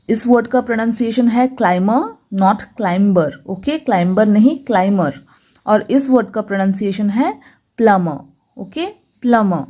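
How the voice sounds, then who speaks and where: A woman, teaching English pronunciation patiently and slowing down to stress each rule. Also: medium pitch, mellow. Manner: patient, slows down to stress rules. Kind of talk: explanatory lesson.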